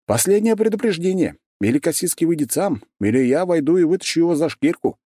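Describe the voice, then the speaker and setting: A man's voice: fairly high pitch, big pitch swings, a little fast, dark tone, no echo, studio quality, voice pushed up. A man voicing a cocky, menacing young baron. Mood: mocking threat. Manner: mocking, threatening.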